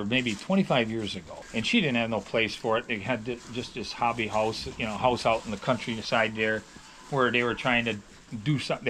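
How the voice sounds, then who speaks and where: A middle-aged dairy farmer talks casually, circling back and restarting his sentences as he thinks aloud. His voice sits at an ordinary pitch. A faint background hum runs under the recording. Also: a bit bright. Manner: rambling, with many restarts and hedges. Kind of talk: casual storytelling. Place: on a farm, near calves.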